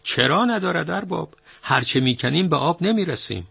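A man voicing a weary middle-aged head well-digger who pleads with his master in a raised, husky voice. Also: a little high, animated, sharp tone, no echo, voice pushed up, exaggerated voice. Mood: exasperated.

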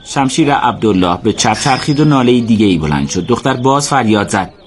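A man narrating a radio drama in a steady, measured storytelling voice. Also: medium pitch, loud music behind the voice.

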